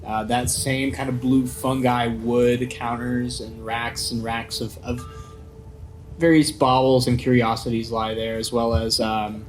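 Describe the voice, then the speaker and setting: A man running a tabletop game as game master, describing scenes in a halting, improvised way. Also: medium pitch, rough recording.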